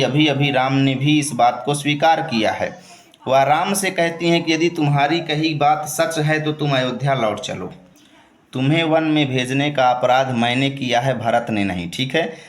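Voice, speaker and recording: Male teacher, high-ish voice, echoey room, paraphrases verse line by line. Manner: repeats and paraphrases, ending phrases with a checking "okay". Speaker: Hindi teacher. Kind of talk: explaining a poem line by line.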